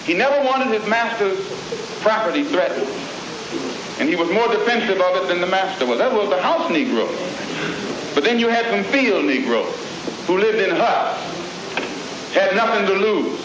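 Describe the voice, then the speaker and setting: A man delivering a speech to an audience in rhythmic, measured oratory with pointed emphasis, from an old archival recording. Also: sits high, sing-song. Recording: old echoey, dull, noisy hall recording.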